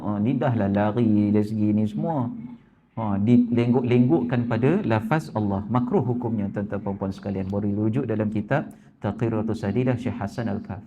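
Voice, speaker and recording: In a neighbourhood mosque prayer hall, a man with a Malaysian Malay accent delivers an evening religious sermon in Malay, repeatedly addressing the congregation and acting out voices in his stories with a raised pitch. His voice is warm and moderately paced. The audio is dull, with a slight hiss or hum.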